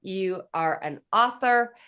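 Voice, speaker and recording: A woman's voice: mid-range voice, lively intonation, slow pace, sharp tone, smooth. A woman with a Boston accent hosting a podcast interview, effusive and enthusiastic, rambling a bit as she introduces her guest. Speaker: podcast host. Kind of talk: casual interview chat.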